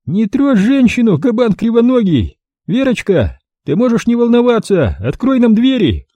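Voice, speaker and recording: A shrill, piping male thug, sly and spiteful, voiced with lively swoops far above a normal man's pitch. The tone is dark and husky despite the height. A man puts him on while narrating a storybook. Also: moderate pace, no room sound, dull audio, full character voice. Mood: wheedling. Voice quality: squeaky, piping.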